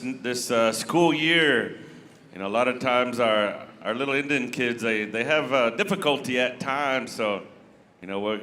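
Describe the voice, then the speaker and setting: A man speaking unscripted as a powwow emcee, offering well-wishes in halting phrases. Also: mid-range voice, bright, forceful tone. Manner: halting phrases, repeatedly saying "you know". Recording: faint background noise, live event.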